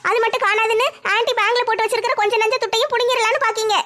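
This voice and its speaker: A woman playing a sharp-tongued young daughter-in-law in a family comedy skit, shrill and scolding. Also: steady tone, racing. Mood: taunting.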